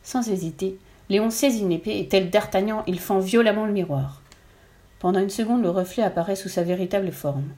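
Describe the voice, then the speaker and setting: A woman reading a children's story aloud in a lively storytelling voice. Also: brisk. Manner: lively, voices the characters' lines with raised pitch.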